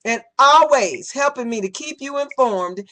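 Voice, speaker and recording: A woman's voice: high-pitched, lively intonation, normal speed, pushed and bright. A woman hosting an exuberant live talk show in a campy, flamboyant, theatrical manner, drawing out her endearments. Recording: music and crowd noise behind. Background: music and cheering audience.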